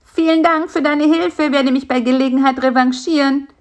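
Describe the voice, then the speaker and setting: Perky little fly guy, a woman puts him on, higher voice, always cheering his buddy on. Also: fairly even intonation, normal speed, natural voice. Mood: cheerful. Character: cheerful cheeky male fly, reassuring.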